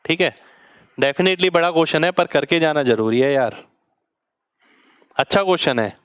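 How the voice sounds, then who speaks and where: A man's voice: fairly high pitch, animated, normal speed, smooth, dry recording, studio quality. A man teaching a maths exam-prep class, explaining each step patiently in with terms and often asking students whether they understood. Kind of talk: online exam-prep lecture.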